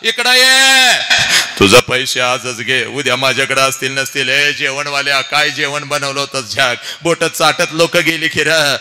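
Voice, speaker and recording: A man voicing a proud father of the bride who shouts cheerfully at his guests. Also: fairly high pitch, in a large hall. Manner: loud, shouting orders to guests.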